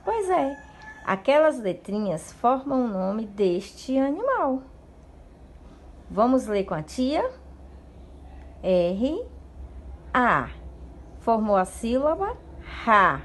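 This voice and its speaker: A woman teacher with a Brazilian accent giving a video lesson to young children, speaking affectionately and spelling out syllables slowly. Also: on the high side, very animated, darkish tone, slight background noise. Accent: Brazilian Portuguese. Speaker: primary school teacher. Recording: echoey room recording.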